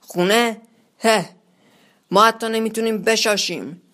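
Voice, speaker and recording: A storyteller reading the lines of a bitter, mocking man in a wheelchair who shouts gloomy taunts at his group. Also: mid-range voice, close to an everyday voice. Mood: scornful.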